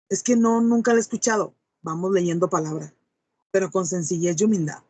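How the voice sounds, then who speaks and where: A woman with a mid-range voice preaches a sermon, reading scripture aloud and then expounding on it with emphatic rhetorical questions to her listeners.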